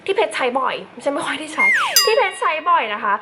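A woman's voice: sits high, big pitch swings, quick pace, heavy background noise. A young woman chatting casually through a makeup tutorial, with playful asides to her viewers. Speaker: beauty vlogger.

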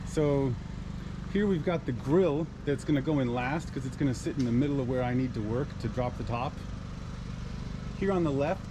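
A man's voice: mid-range voice, noisy background. A middle-aged man giving a casual, matter-of-fact walkthrough of his old truck camper, filmed on a handheld camera. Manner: relaxed, matter-of-fact, practical. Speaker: vlogger giving a camper tour. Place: inside and around an old truck camper outdoors.

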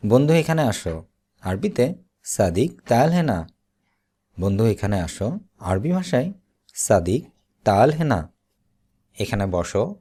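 Slow, lively-voiced man drilling vocabulary. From Bangladesh. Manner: slow, deliberate repetition with lively pitch. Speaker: Arabic teacher. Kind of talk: slow vocabulary drill, each word said twice.

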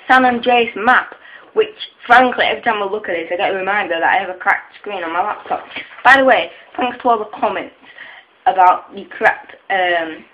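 A woman's voice: mid-range voice, moderate pace. A young woman from England, vlogging in a hyperactive, random rush and swearing a lot. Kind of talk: hyperactive webcam vlog. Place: at a laptop. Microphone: cheap webcam. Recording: dull lo-fi webcam audio.

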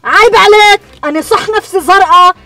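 A brash middle-aged Lebanese woman fumbles through a driving lesson. The voice sits extremely high and shrill, full of cheeky retorts, with faint music in the background. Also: quick pace, bright, forceful tone, full character voice. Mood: sassy. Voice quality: shrill, sassy back-talk. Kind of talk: sketch comedy acting.

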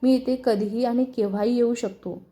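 Woman narrator doing young man, taunting, name-calling, quarrelsome, mellow tone. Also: fairly high pitch, fairly even intonation, moderate pace, natural voice.

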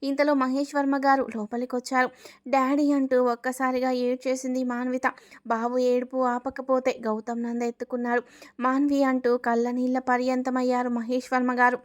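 Speaking at normal speed in a high, completely flat voice, a woman tells a family story. She reads all the dialogue in her own narrating voice and pauses to ask viewers for likes.

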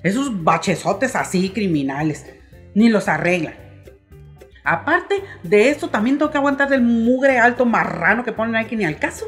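A woman's voice: on the high side, expressive, moderate pace, soft background music. Exasperated Mexican woman ranting comically. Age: middle-aged. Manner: exasperated, grumbling, mock-outraged. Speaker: vlogger. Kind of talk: comic rant to camera.

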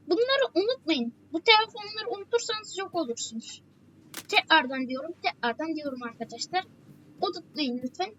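Very high-voiced woman explaining a game. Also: fairly bright tone, lo-fi sound, a little hiss or hum. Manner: chatty, repeats warnings over and over. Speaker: gameplay walkthrough host. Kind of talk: casual game tutorial commentary.

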